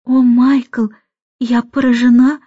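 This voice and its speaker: High gushy welcoming mom, woman narrator doing her, dull dry audiobook sound. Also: level tone, slow, warm tone, husky, dry recording. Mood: gushing. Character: gushing hospitable mother of the house.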